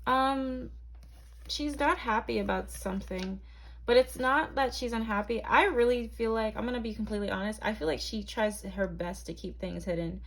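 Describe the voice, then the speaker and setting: A woman's voice: a little high, moderate pace, a bit bright. Young woman, tarot reader, casual, rambling, filler-heavy. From Barbados. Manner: chatty, hesitant, lots of ums and likes. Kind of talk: casual tarot reading to camera.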